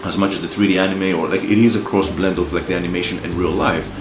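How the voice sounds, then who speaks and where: This opinion commentator, a man in his forties born in Greece and raised in Australia, speaks with a Greek-Australian accent in a low, steady voice at a quick pace. His rant is heated and profane, with stumbling repeats, captured in a reverberant room with background noise.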